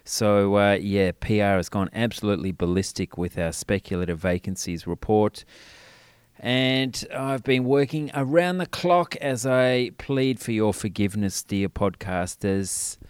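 A man hosts a radio podcast in a chatty, self-mocking way, asking listeners to put up with him. His fairly low voice still comes out thin and tinny with no bass. It was picked up by a laptop's built-in mic, and the sound is dry and close. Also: a little slow, clear, resonant tone, no echo. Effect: thin tinny sound with no bass, recorded through a laptop mic. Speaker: radio show host. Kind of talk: casual spoken intro to a podcast.

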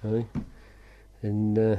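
A man's voice: lowish voice, monotone, drawn-out words, phone-quality sound, a little hiss or hum. A man with an Australian accent hosting a casual radio panel chat in a jokey, teasing, blokey way. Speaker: radio show host.

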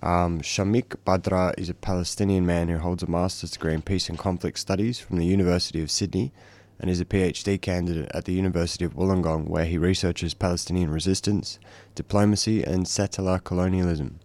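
A male radio host reading out a speaker's introduction in a measured way, with the odd "um". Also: low-pitched, steady tone, darkish tone. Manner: measured, with occasional fillers.

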